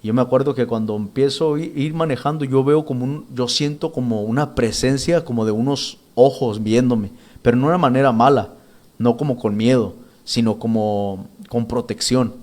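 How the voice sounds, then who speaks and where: Casting: male church minister, mid pitch, earnest, stop-start testimony delivery. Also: a little mellow. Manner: earnest, halting, with many restarts and repeated words. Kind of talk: spoken testimony.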